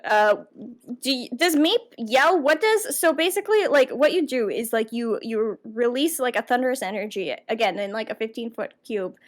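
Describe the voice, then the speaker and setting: A woman's voice: a little high, lively intonation, moderate pace. Rambling woman running a tabletop game. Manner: rambling, many fillers and restarts. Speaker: dungeon master.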